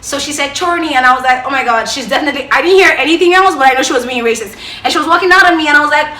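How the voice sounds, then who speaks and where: A young woman with a Nigerian accent telling stories to camera, animated, jumping from loud bursts to hushed asides. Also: high voice, racing, reverberant. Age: young adult. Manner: animated storyteller who swings from loud outbursts to hushed asides. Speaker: vlogger. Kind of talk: storytelling to camera.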